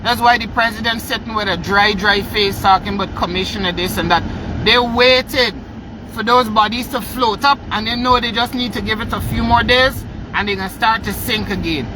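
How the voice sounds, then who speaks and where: A man's voice: high-pitched, moderate pace. A man with a Guyanese accent, vlogging outdoors beside a street with heated, sarcastic rhetorical questions. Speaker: protester vlogger. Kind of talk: angry street vlog rant. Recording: loud traffic noise outdoors. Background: passing vehicles.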